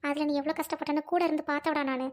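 A woman playing a gentle, grieving widowed elder sister who speaks softly and pleads with her younger brother. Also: high voice, little pitch movement, very fast, close to an everyday voice. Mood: worried.

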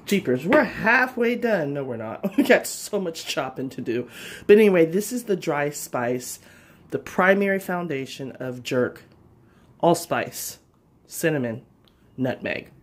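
A woman's voice: low-pitched, expressive, measured pace. A middle-aged woman hosting a casual home cooking show from her kitchen, chatty and upbeat, talking straight to viewers.

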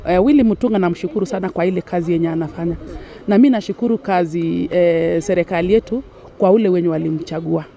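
A woman's voice: fairly low pitch, quick pace, creaky, mellow. A middle-aged woman with a Kenyan accent, pleading earnestly in an outdoor street interview beside a market stall, with a handheld mic. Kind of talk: vox pop street interview. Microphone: handheld furry mic.

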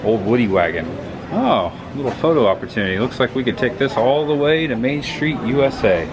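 A man's voice: medium pitch, lively intonation, fairly quick, crowd noise. A man narrating a casual walking vlog at a theme park, chatty and pointing things out as he goes.

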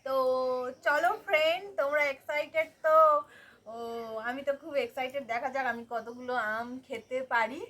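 A young woman chatting to her viewers in a lively vlog, addressing them as friends, recorded outdoors on a sunny rooftop. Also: high-pitched, moderate pace. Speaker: vlogger.

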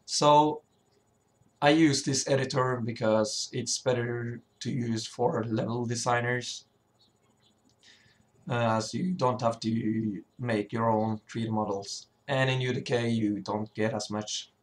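A man who sounds sick, with a cracking voice, giving an informal, hesitant software tutorial. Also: mid-range voice, fairly even intonation, slow. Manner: hesitant, often stumbling and throat-clearing. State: sick, sore voice. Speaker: tutorial presenter, level designer.

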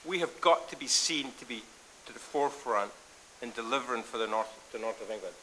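A man's voice: mid-range voice, fairly quick, bright, forceful tone, slight background noise, poor audio. A man chairing a conference panel in a chatty, informal way, with frequent restarts.

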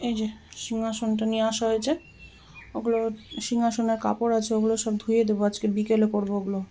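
A woman's voice: on the high side, monotone, fast, mellow, low-quality recording. A woman in her thirties from Bengal, chatting casually to viewers at home while she cleans and tidies. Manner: chatty, talks while doing housework. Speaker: vlogger. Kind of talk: casual home vlog chat. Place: home, indoors.

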